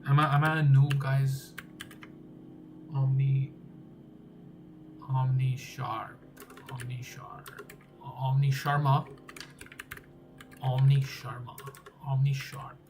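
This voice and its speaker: Background noise accompanies a young game developer, a non-native English speaker, as he thinks aloud through game code for a coding vlog, repeating words and trailing off. His mid-range voice stays level and slow, and he pauses often.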